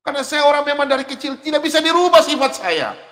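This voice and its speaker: A middle-aged man preaching a sermon in an animated way, laughing and at times shouting. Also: very high-pitched, fast talker. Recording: long hall reverb.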